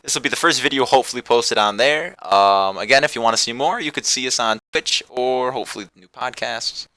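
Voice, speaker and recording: A man's voice: mid-range voice, brisk, sharp tone, no room sound. A man hosting a casual podcast, rambling loosely through his thoughts and turning upbeat when he plugs the show. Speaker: podcast host. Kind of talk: casual chat.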